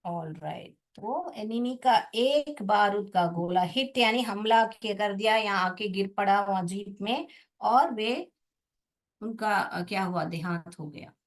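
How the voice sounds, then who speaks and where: A woman's voice: mid-range voice, slow pace. A woman teaching English in an online class, explaining in Hindi with an Indian accent, spelling words out and calling students beta.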